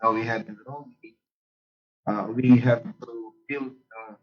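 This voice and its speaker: Male parish priest, slow halting delivery, heard through a breaking-up video call with dull lo-fi sound. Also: mid-range voice, steady tone. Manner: halting, many pauses and restarts. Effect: breaking-up video call connection. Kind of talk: answering questions in an online interview. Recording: dull lo-fi call line cutting out.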